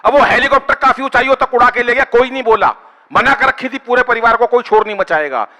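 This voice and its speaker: High, bright-voiced comic poet. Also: male voice, quick pace, in a large hall, low-quality recording. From Haryana. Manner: bantering with the crowd, coaxing applause. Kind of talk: live stage comedy poetry. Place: live stage before an audience.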